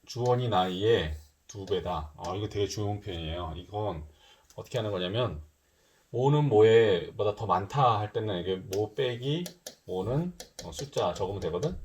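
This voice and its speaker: Middle-aged guy tutoring math, low voice but really animated, chatty thinking out loud. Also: slight background noise. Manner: thinks aloud, mixes formal and casual speech. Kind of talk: casual math lesson.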